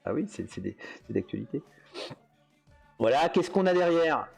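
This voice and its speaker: A man's voice: a little high, big pitch swings, moderate pace, gravelly, a little mellow, faint music behind. A man hosting a casual livestream, rambling through his talk with hesitant fillers and frequent chuckles. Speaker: host.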